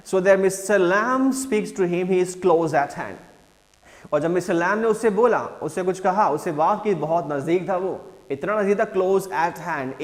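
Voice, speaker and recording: A man teaching a class, reading English lines slowly and then explaining them again and again in Hindi. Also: a little high, big-room sound.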